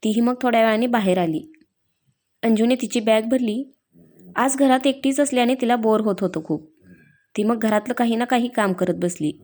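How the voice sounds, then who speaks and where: A woman narrating a romantic story in a steady, even reading voice. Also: on the high side, moderate pace. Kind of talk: read-aloud story narration.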